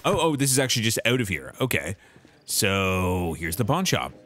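A man's voice: fairly low pitch, sing-song, normal speed, a bit bright, faint music behind. A man streaming a detective game live, thinking aloud about clues with frequent restarts.

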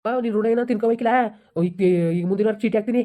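A woman's voice: fairly high pitch, steady tone, racing, mellow, natural voice. A woman playing an insolent village debtor. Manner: mocking, dismissive. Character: rude village debtor, young man, insolent.

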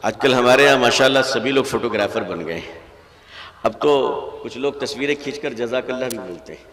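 A man, an Islamic cleric, giving an impassioned sermon at a religious school gathering, telling stories and swinging from soft talk to loud exhortation. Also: mid-range voice, in a large hall.

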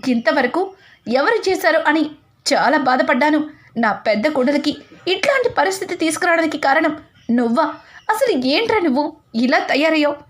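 A woman's voice: high-pitched, big pitch swings, normal speed. A woman voicing a scheming, domineering middle-aged mother who scolds harshly. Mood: scolding.

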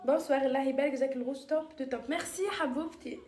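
Algerian woman hosting a casual live stream, high-pitched and quick, mixing in French words, in an echoey room. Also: darkish tone. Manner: chatty, sprinkles French words. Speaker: live-stream host selling beauty mixtures. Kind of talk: casual live-stream chat reading viewer comments.

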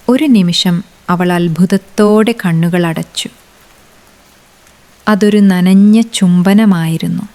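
Reading romance aloud from a script, a woman takes her time in a steady, measured way. Her voice is mid-range and slightly mellow.

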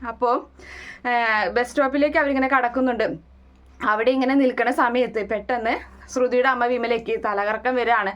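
A woman's voice: a little high, fairly even intonation, brisk, long pauses, a bit bright, lo-fi sound. A woman casually recapping a TV serial episode in a run-on retelling, quoting the characters' lines as she goes.

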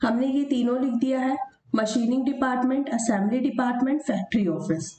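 A woman teacher talking through a worked problem over handwritten notes. She asks questions and answers them herself, and slows down to read the question word by word. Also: sits high, mellow, roomy sound, slight background noise, rough recording. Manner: reads the question slowly, then explains step by step. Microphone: voice-over of screen notes.

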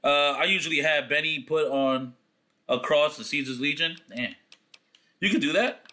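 A man's voice: on the high side, normal speed, sharp tone. A man hosting a let's play, thinking aloud in slangy, rambling, casual commentary. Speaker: gamer, let's play host.

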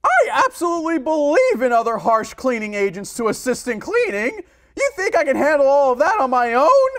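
A man's voice: extremely high pitch, huge pitch swings, a little fast, fairly bright tone, exaggerated voice. A man voicing a cranky, indignant old kitchen sponge politician, whiny and melodramatic, in a comic mock debate. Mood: defensive.

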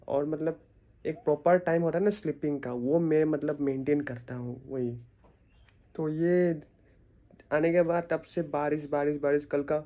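एक युवा आदमी कमरे में फ़ोन पकड़कर अपने दिन के बारे में बिखरे ढंग से बात करता है, बीच-बीच में बार-बार "मतलब" कहता है।. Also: male voice, on the high side, dark tone. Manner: rambling, many fillers, tired. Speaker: vlogger and teacher. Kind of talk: casual vlog to camera. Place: small room indoors. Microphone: phone at arm's length.

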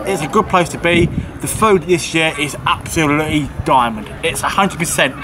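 Interviewed outdoors on a quay, a man in his thirties who joined the trip chats cheerfully and rambles to the camera. His voice is a little high and his speed normal, picked up by a camera mic across a table with traffic noise around.

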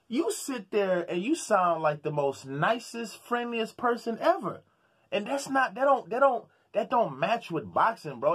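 This Houston, Texas man speaks in a high voice with a breathy edge. Vlogging a sports commentary rant, he gets heated and slangy, often tripping over words and saying them twice.

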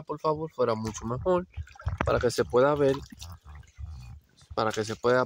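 A middle-aged man narrating live as a vlog host, talking to viewers outdoors by a forest stream with halting, repetitive commentary. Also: medium pitch, a little hiss or hum. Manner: talks to viewers, repeats phrases, halting restarts. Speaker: vlog host narrating a crab-fishing outing.

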